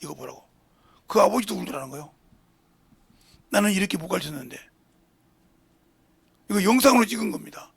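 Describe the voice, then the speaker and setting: A middle-aged man preaching a sermon as pastor, retelling conversations fervently and swinging between raised passages and hushed whispers. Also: high-pitched, big pitch swings, brisk, creaky, long pauses, slightly rough. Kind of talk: sermon with retold dialogue. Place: church sanctuary.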